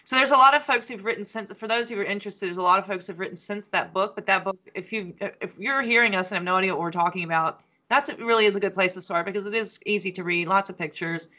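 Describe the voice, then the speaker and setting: A woman hosting an academic interview, a sociology teacher who talks with enthusiasm and animated asides. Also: mid-range voice, fast, hardly any pauses. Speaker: podcast host, sociology teacher.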